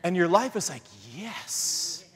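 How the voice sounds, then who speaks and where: A middle-aged man preaching a sermon in a lively, conversational way, acting out the voices he quotes. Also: on the high side, moderate pace. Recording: long hall reverb.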